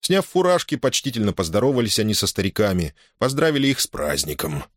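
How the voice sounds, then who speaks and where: A man reading a novel aloud as narrator, in an expressive storytelling manner. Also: on the low side, fast talker, no echo, studio quality. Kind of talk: audiobook reading.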